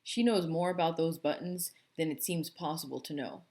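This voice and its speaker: A woman reading a novel aloud for a book club, in steady first-person storybook narration. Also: sits low, moderate pace.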